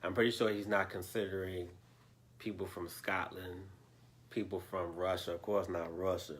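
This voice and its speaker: A man's voice: sits low, flat delivery, normal speed, a bit bright. A man hosting a casual political discussion, talking straight to his viewers and sometimes losing his train of thought. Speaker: host.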